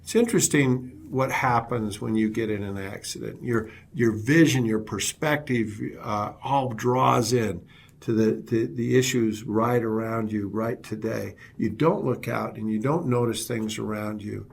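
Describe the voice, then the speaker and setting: A man's voice: on the low side, a little slow, creaky. A man presenting a business webinar as a leadership consultant, telling anecdotes and often repeating words as he restarts.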